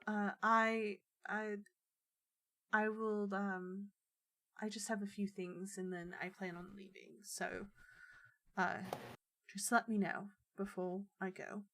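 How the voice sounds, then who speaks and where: A woman voicing a polite, hesitant woman scholar in a tabletop game, halting and full of restarts. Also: mid-range voice, level tone, a bit bright. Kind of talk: tabletop role-play voicing.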